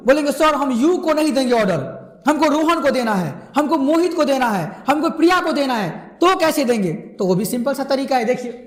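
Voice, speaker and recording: A man teaching a spoken English lesson. He repeats each example and keeps asking his students if they follow, drawing out the model sentences slowly. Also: very high-pitched. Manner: slow, drawn-out model sentences. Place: room, writing on a board. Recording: echoey room with long reverb.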